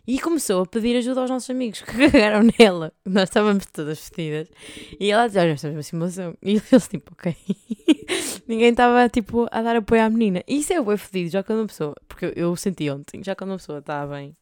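A woman's voice: medium pitch, fast, darkish tone, no room sound. Chatty young Portuguese woman, close and dry. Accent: European Portuguese. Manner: chatty, rambling, heavy filler words and swearing. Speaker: podcast host. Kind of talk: casual storytelling monologue.

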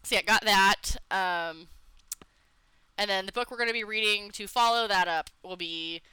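A woman's voice: medium pitch, normal speed, bright, forceful tone, clear, resonant tone, dry recording. A woman hosting a podcast, chatting casually, laughing often and swearing as she teases. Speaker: podcast host. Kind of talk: casual chat.

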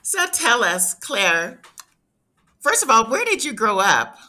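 A woman's voice: fairly high pitch, big pitch swings, slow, pushed and bright. A woman hosting an interview podcast, reading a scripted guest introduction and then asking questions. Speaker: podcast host.

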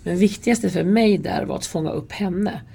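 Woman guest, gravelly low voice, mellow tone, candid storyteller. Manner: candid, earnest, acts out quoted dialogue. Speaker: interview guest, subway security worker. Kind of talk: casual conversational storytelling.

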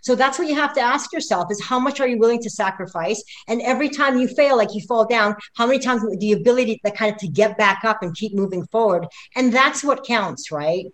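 A woman's voice: fairly high pitch, brisk, hardly any pauses. A woman in her fifties, a pro cyclist interviewed as a guest, talking casually and emphatically and often tagging "right?" onto her sentences. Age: 50s. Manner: energetic, emphatic, keeps adding "right?".

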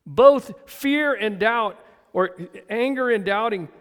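A high-pitched older man in his seventies delivers a sermon in a church, with folksy humor and little chuckles. He keeps calling on the congregation to answer back. His voice rings out with a long reverb through the sanctuary. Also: takes it slowly, fairly bright tone, clear, resonant tone. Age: 70s. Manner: folksy, chuckling asides, calls for congregation response. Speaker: pastor.

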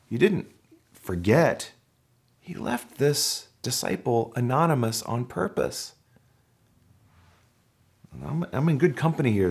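A middle-aged pastor delivering a sermon to his congregation, his voice rising and falling in lively swings of pitch. He talks in a chatty, informal way and leans on rhetorical questions and quick asides. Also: breathy edge. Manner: conversational, animated preaching with asides and rhetorical questions.

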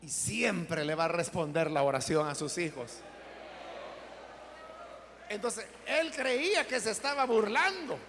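Male preacher, sermon, very high voice, gravelly, dramatic delivery. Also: in a large hall, a little hiss or hum. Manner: dramatic, swings between shouting and soft asides. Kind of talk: sermon with storytelling.

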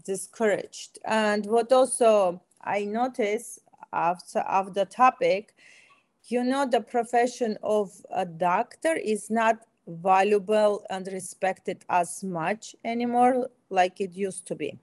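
An Armenian-accented woman in middle age, originally from Armenia and working as an aesthetic medicine doctor, is an enthusiastic, emphatic interview guest. She talks slowly in a mid-range voice, and there is no echo.

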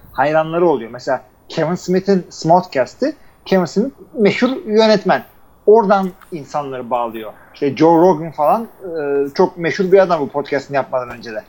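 A man's voice: fairly high pitch, a little mellow. A man co-hosting a podcast in a casual, rambling chat full of fillers, heard over a phone line. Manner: loose, rambling talk with many fillers. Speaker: podcast co-host.

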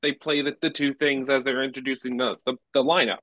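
A man with a middle-pitched voice chats casually, rambling and often restarting his sentences. The recording is dry and slightly dull, as if from a modest mic. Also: level tone, a little fast, a bit bright, no echo. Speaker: podcast co-host. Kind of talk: casual chat.

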